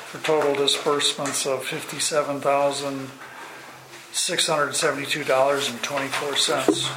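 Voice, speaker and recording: Flat voice reading a formal motion. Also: mid-range voice. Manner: reads figures in a steady, formal way. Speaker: board member. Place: meeting room. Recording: echoey room, noisy.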